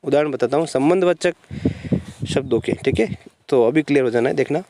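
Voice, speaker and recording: A man's voice: mid-range voice, fairly quick, warm tone, no echo. A man teaching Hindi grammar in a lecture style, explaining step by step and answering his own questions as he goes.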